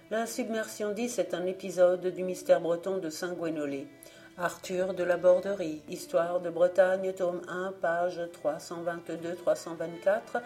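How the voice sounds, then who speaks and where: Audiobook narrator, woman, low mellow voice, measured delivery. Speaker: audiobook reader. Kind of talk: audiobook narration of folk legends.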